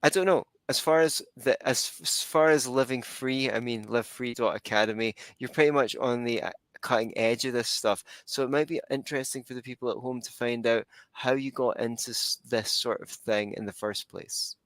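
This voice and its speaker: A man hosting a podcast interview, talking in a relaxed, rambling way with fillers. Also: medium pitch, moderate pace, hardly any pauses, no room sound. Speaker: podcast host. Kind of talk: conversational interview.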